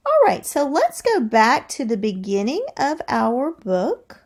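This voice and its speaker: Her pitch is a little high, and she reads to young children in a measured, expressive way. Along the way, the teacher thinks out loud and questions her listeners.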